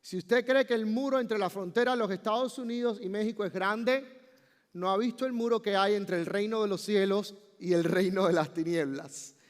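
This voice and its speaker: High-voiced preaching man in a reverberant church. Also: normal speed. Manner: preaching with rising emphatic outbursts. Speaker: pastor. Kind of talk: sermon. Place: church sanctuary.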